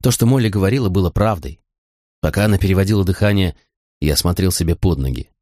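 A man reading a first-person novel aloud as an audiobook narrator, in a measured, even storytelling manner. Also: low-pitched, no room sound, clean studio sound.

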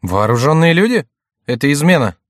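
A man's voice: a little high, very animated, brisk, no room sound, clean studio sound, voice pushed up. A man voicing a haughty young royal duke who speaks sternly and menacingly, in a raised voice. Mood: alarmed.

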